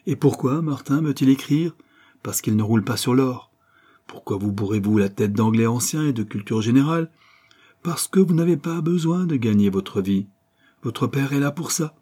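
Brief: man doing a blunt, mocking young gent, husky and warm. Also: medium pitch, lively intonation, normal speed, voice pushed up. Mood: sardonic.

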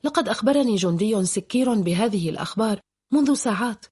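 Woman reading as guarded young woman, cool and matter-of-fact, husky. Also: medium pitch, lively intonation, quick pace, a little mellow.

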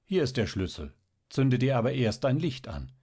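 A man voicing a genial, knowing middle-aged official and father in a read-aloud story, measured and wry. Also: medium pitch, sing-song, a little mellow, breathy edge, voice pushed up.

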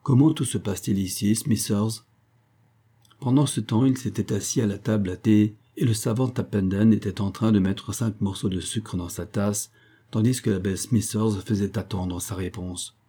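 A man narrating a novel as an audiobook, in a measured, even storytelling manner. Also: lowish voice, breathy edge.

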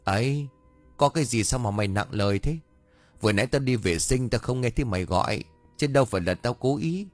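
A man's voice: mid-range voice, lively intonation, brisk, no echo, faint music behind, pitched above the performer's own voice, natural voice. A man voicing a grumpy, cunning old male exorcist who scolds and mutters curses in a ghost story. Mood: gruff grumbling.

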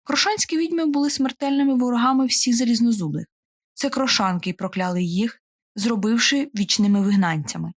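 A woman reading a fantasy audiobook aloud in a steady, measured storytelling way. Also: on the high side. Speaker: audiobook narrator. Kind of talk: audiobook narration.

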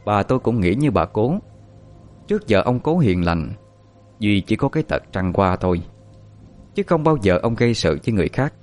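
A man narrating a story in a steady, measured way. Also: on the low side, soft background music.

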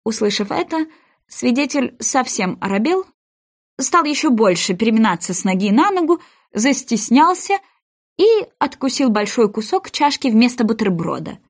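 Woman, storybook narrator, playful, expressive, slightly high, lively pitch. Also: normal speed.

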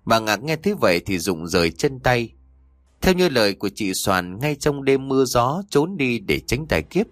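Expressive low-voiced male storyteller. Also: no echo. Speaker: audiobook narrator. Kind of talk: scripted folk-horror story narration.

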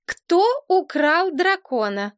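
Woman putting on a hot-tempered storybook princess girl, pitched up high and snapping orders with a lot of force. She sounds indignant and commanding, with a close, dry sound. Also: very animated, slow, a bit bright, no room sound, heavily acted. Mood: demanding. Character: bossy young princess girl, quick-tempered.

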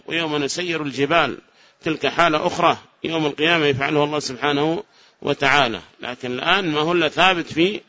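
A man teaching a classroom grammar lesson. He asks the class questions, answers them himself, and repeats the key phrases slowly. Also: fairly high pitch, pushed and bright. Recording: dull lo-fi lecture recording.

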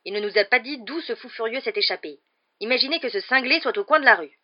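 A reader voicing a fat, bullying middle-aged uncle who shouts sternly and menacingly, in a dull lo-fi recording. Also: mid-range voice, sing-song, a little fast, lightly acted. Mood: furious.

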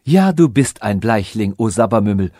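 A man's voice: on the low side, expressive, moderate pace, mellow, no room sound, clean studio sound. A man reading an audiobook voices a haughty, suspicious robot princess who asks probing questions.

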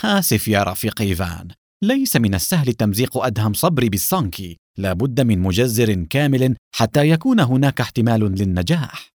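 A man voicing a cool, sarcastic male secret agent who speaks calmly and coldly. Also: mid-range voice, fast, dry recording, clean studio sound, lightly acted. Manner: calm, mocking, cold.

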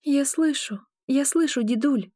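A woman's voice: high-pitched, moderate pace, a little mellow, dry recording, studio quality, voice pushed up, lightly acted. A woman voicing a frightened young woman waking from a nightmare, talking breathlessly and pleadingly. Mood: hoarse, reassuring. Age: young adult.

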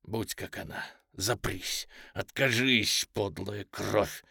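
A man reading an audiobook, voicing a burly lustful man who pleads in a hoarse, breathy voice and bursts into shouts. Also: lowish voice, sing-song, normal speed, no room sound, studio quality. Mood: hoarse, menacing.

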